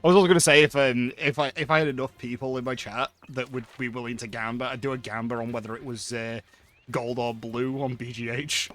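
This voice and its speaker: A man's voice: mid-range voice, fairly even intonation, fairly quick, a bit bright, faint music behind. A man streaming a game, chatting casually with dry, self-deprecating jokes, from the United Kingdom. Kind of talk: casual banter while gaming.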